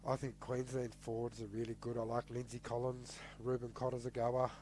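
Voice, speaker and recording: A man's voice: mid-range voice, monotone, a little fast, mellow, slight background noise. A man with an Australian accent, co-hosting a casual sports podcast, laid-back but firm in his opinions and often answering briefly. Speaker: podcast co-host.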